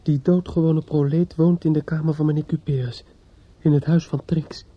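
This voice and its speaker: With a breathy edge and a voice on the high side, the actor delivers the grieving judge's son's inner monologue at a moderate pace and fairly even intonation. The character stammers, repeats himself, and broods bitterly while drunk, all on a muffled, noisy vintage radio drama recording.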